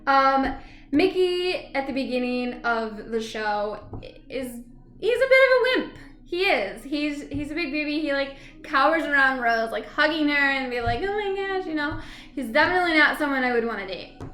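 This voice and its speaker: High-voiced chatty woman in a roomy space. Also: animated, moderate pace, a bit bright. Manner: chatty, rambling, often laughs and hums filler syllables. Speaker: vlogger reviewing a TV episode. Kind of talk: casual rambling chat to camera.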